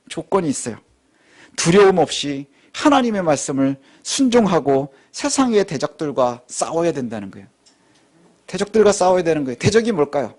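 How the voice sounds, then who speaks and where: A male pastor preaching a sermon in a conversational way, explaining with everyday examples. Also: high voice.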